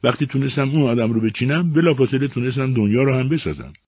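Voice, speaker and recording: A man's voice: mid-range voice, lively intonation, pitched above the performer's own voice, lightly acted. A man voicing a clever, cheeky little boy in a storybook reading, with a smug, matter-of-fact manner.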